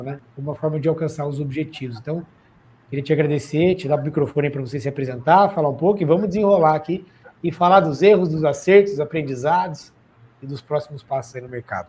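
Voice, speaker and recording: Male interview host, 30s, very fast talker, higher voice, energetic, chatty, jokey. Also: slight background noise. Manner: energetic, chatty, jokey, thanks guest warmly. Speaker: interview host and auction course teacher. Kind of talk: upbeat interview hosting.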